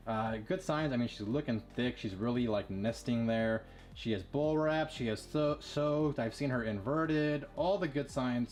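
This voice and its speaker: Easygoing male hobby breeder, mid-pitched, chatty and fast, faint music underneath. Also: a little mellow. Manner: quick, rambling, casual with fillers. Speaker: ball python breeder. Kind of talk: casual vlog showing animals.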